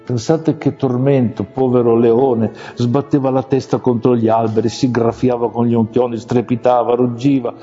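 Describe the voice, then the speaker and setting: A man narrating a fable for listeners, gently speaking to them directly. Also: medium pitch, level tone, normal speed, hardly any pauses. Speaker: storyteller. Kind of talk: storybook narration. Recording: long reverb, muffled, faint music.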